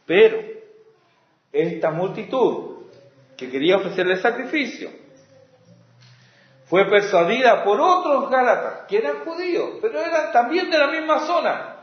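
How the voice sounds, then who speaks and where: A male pastor preaching with passion, swinging from loud exclamations to hushed asides. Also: very high voice, animated, unhurried, pauses often. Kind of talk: sermon. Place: church sanctuary. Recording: echoey, dull lo-fi church recording.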